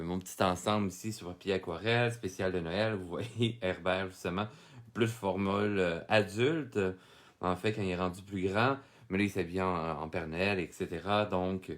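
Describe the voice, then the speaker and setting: A man with a Québécois French accent giving a live-streamed drawing lesson, chatting with viewers, greeting them by name and laughing often. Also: fairly low pitch. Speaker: drawing teacher.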